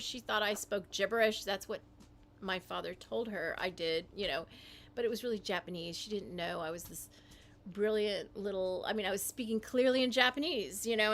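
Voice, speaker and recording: A woman hosting a livestream, talking in a meandering, halting way, often correcting herself as she types. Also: medium pitch, a bit bright. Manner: typing while talking. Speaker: livestream host. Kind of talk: rambling livestream monologue.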